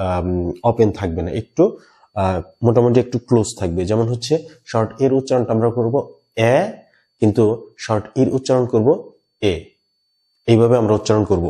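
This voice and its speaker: A man teaching English pronunciation in an online lesson, explaining patiently and repeating example phrases slowly. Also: lowish voice, dark tone.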